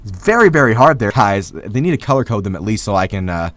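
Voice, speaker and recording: A man casting a live esports match, excitable and jokey, yelling at big plays. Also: on the low side, fast talker, no room sound. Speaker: esports caster. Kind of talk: live game commentary.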